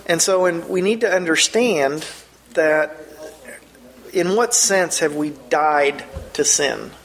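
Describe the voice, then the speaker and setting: Creaky-voiced man teaching Bible class. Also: fairly high pitch, takes it slowly, fairly bright tone, poor audio. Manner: explanatory, questions the class directly; frequent restarts mid-phrase. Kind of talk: Bible study lesson.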